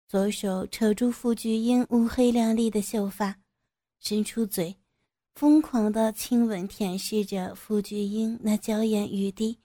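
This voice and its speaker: Mellow-voiced woman narrating a story. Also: medium pitch, dry recording, clean studio sound.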